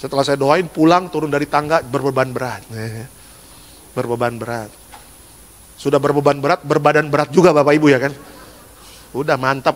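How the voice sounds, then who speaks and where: Lively pastor in a reverberant hall. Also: male voice, mid-range voice. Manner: jokey, swings from hushed asides to loud exhortation. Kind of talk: lively sermon. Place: large church hall.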